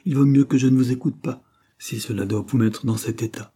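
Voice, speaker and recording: A man voicing a calm, principled gentleman in an audiobook, measured and restrained. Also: mid-range voice, husky, voice pushed up, lightly acted. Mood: firm, calm. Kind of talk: audiobook character reading.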